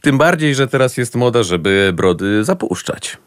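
An actor playing Ernest, a witty, outspoken young gentleman in debt, in a radio play. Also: mid-range voice, lively intonation, normal speed, clear, resonant tone, dry recording, clean studio sound, close to an everyday voice. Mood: mocking.

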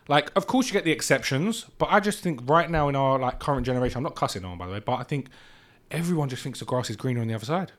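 A man's voice: medium pitch, animated, very fast, fairly bright tone. Blunt, swearing young man host. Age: 20s. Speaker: podcast host. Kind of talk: casual interview chat.

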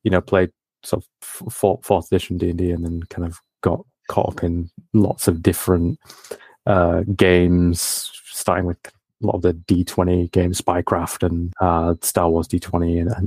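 A man's voice: sits low, flat delivery, normal speed, darkish tone, husky, no echo. A man being interviewed as a guest, talking hesitantly with lots of restarts. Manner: hesitant, many fillers and restarts. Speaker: game designer guest. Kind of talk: casual interview.

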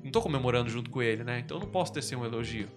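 A man's voice: medium pitch, animated, racing, music in the background. A man with a Brazilian Portuguese accent hosting a casual podcast discussion. He explains ideas through examples, often restarts his sentences and tags them with "né?". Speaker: podcast host.

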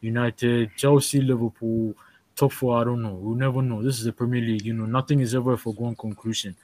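Podcast dude, mid voice, keeps restarting sentences, lots of fillers. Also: male voice, medium pitch, steady tone, a little mellow, rough recording. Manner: halting, many fillers and restarts. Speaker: podcast co-host. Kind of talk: casual football chat.

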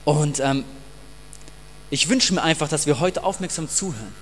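A man's voice: a little high, lively intonation, moderate pace. A man preaching a passionate, emphatic sermon and addressing the congregation directly, in a reverberant hall with faint mains hum. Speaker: pastor.

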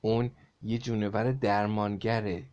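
A man voicing a calm male teacher who reassures a frightened class, reading a storybook aloud. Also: on the low side, highs cut off, lightly acted.

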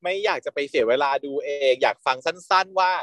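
A man co-hosting a review podcast, playful and teasing, asking quick questions. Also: a little high, fairly bright tone, no echo, studio quality. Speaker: podcast co-host. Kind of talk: casual review chat.

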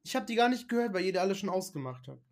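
Relaxed young podcast co-host chatting. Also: mid-range voice, very fast. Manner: relaxed, rambling, many fillers and restarts. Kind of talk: casual chat.

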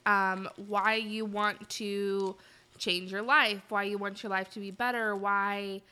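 A woman's voice: medium pitch, level tone, slow pace, sharp tone, smooth. A woman co-hosting a podcast in casual, candid, salty conversation. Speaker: podcast co-host. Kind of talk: casual chat.

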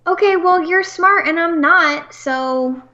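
A woman's voice: extremely high pitch, pushed and bright. A woman co-hosting a casual podcast chat, teasing and playful, with a dull, lo-fi sound. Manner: teasing, playful, drawn-out speech. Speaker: podcast co-host.

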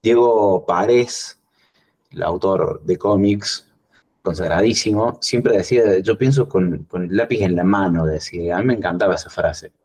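An Argentine man chatting casually as a podcast guest, rambling and animated as he tells stories. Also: normal speed, slightly rough. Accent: Argentine Spanish. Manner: rambling storyteller, animated when recounting, lively pitch jumps. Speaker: guest cartoonist.

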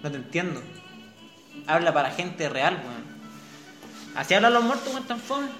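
A man's voice: a little high, very animated, moderate pace, a bit bright. Rowdy young Chilean man, teasing. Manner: rowdy, teasing, swears casually. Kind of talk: comedy sketch banter. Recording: roomy echo, music behind.

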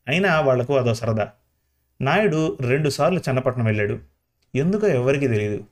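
Male storyteller, middle pitch, calm and even scripted narration.

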